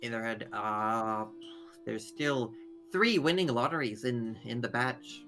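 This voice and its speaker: A man improvising tabletop game narration as game master, in halting descriptions. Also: mid-range voice, a bit bright, soft background music.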